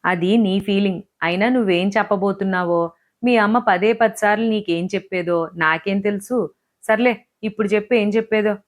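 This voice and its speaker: A sharp-tongued young wife, sarcastic and quick to snap, as read by a woman storyteller. The voice sits at an ordinary middle pitch. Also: natural voice. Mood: angry. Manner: sarcastic, snapping. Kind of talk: audiobook character voice.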